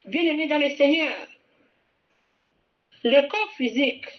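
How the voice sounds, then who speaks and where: In a muffled, lo-fi recording, a woman with a fairly high voice delivers a fervent sermon at a slow pace. She keeps looping back over her own phrases and urges the congregation to repeat after her.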